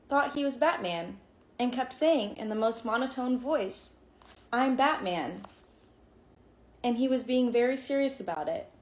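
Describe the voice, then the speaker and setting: A woman's voice: a little high, roomy sound. A woman in her twenties casually telling a list of bad dating stories. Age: 20s. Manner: candid list-style storytelling. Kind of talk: casual vlog storytelling.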